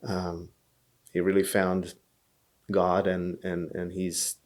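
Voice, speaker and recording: Deep and darkish, the voice of a Hungarian blues musician comes slowly and in a monotone as he tells his story on a podcast. He has a Hungarian accent and an earnest manner, often repeating words as he works out what to say in this relaxed interview.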